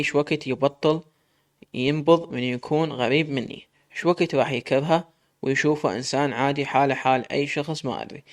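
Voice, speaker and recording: A man with an Iraqi accent reading a dramatic first-person story in a steady, plain manner. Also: medium pitch. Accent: Iraqi Arabic.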